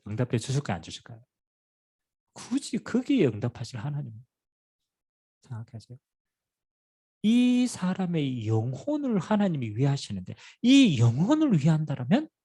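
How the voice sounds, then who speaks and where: Middle-aged male pastor, Gyeongsang accent, husky tone, animated storytelling sermon. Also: mid-range voice. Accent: Gyeongsang Korean. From Pohang, South Korea. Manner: lively storytelling preaching with rhetorical questions and humor.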